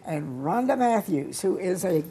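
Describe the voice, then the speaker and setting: An older woman hosting a studio cooking show, chatty and encouraging with quick interjections, on a lapel mic in a TV studio kitchen. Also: on the low side, very animated, dark tone, breathy edge. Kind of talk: casual cooking show chat.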